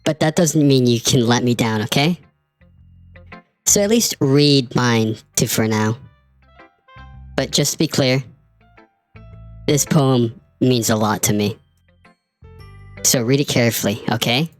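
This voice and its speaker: A woman's voice: very deep voice, a little slow, pauses often, soft background music, poor audio. Natsuki, a worried teenage girl, read by a woman. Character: teenage girl, prickly but worried about a friend. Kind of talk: reading game dialogue aloud.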